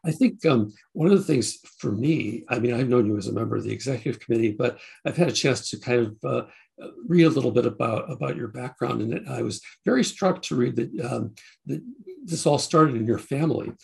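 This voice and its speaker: A man's voice: mid-range voice, vocal fry, darkish tone. An older man hosting an interview over a video call, speaking enthusiastically with frequent fillers and restarts, from a home study.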